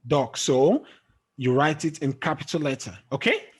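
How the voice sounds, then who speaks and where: A man's voice: fairly high pitch, lively intonation, moderate pace, slightly rough. A man teaching an English pronunciation lesson over a video call, checking often that his student follows. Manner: checks understanding often with "okay?". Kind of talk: online tutoring lesson.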